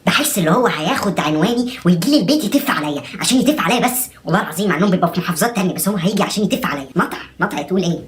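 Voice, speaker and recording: A young man with an Egyptian accent rattles through a comic vlog monologue at a breakneck pace. He jokes in an exasperated, rapid-fire way, and faint room noise sits behind him. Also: high voice, lively intonation, a bit bright. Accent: Egyptian Arabic. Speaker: comedy vlogger.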